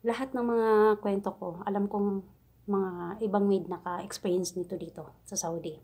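A woman's voice: medium pitch, fairly even intonation, normal speed, dark tone, slightly rough. A woman from the Philippines with a Cebuano accent, a domestic helper telling funny stories in a casual vlog, chatty and giggly as she mimics her employer's broken English.

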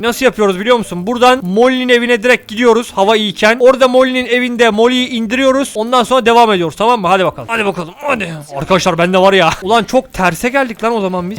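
Fast, high-voiced excitable gamer man. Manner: excitable, slangy, often shouting at the game. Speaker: gaming streamer. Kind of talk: let's play commentary.

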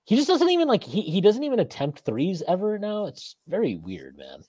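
Lively, rambling podcast host man. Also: sits high, fairly quick, slightly rough, dry recording. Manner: rambling, reads viewer comments, laughs often. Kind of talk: casual postgame chat. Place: small room indoors. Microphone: video call webcam.

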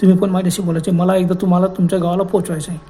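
A man voicing a shaken rickshaw driver snaps short, insistent orders in a fairly high, mellow voice. He sounds tense and set on keeping going, in a spoken village horror tale. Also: level tone, rapid-fire, natural voice. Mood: frightened. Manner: curt, insistent. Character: frightened young male rickshaw driver.

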